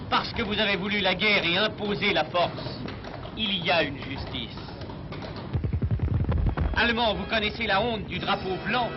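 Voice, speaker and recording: A man narrating an old 1940s newsreel from a script in a solemn, declamatory, rhetorical manner. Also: high-pitched. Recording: dull 1940s newsreel soundtrack, loud music. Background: loud music.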